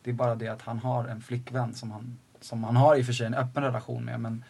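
A man's voice: medium pitch, flat delivery, gravelly, a little mellow, slightly rough. A young man from the Stockholm suburbs, an actor guest telling stories in a loose, slangy way and laughing often. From Stockholm suburbs, Sweden. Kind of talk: casual podcast chat.

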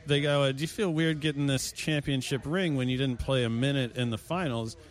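A man's voice: mid-range voice, fairly even intonation, a little fast. Blunt, profane man in casual chat. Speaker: podcast co-host.

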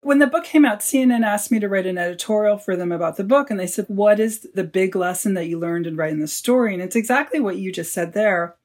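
A man's voice: high-pitched, fast, hardly any pauses. A man, an author, telling stories as a guest in an interview and acting out the lines he quotes. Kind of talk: storytelling in a podcast interview.

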